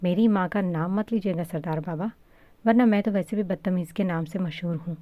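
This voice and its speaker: A woman's voice: on the low side, dry recording, phone-quality sound, close to an everyday voice. A woman voicing a defiant, hot-tempered young woman who snaps back angrily. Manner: sharp, angry retorts.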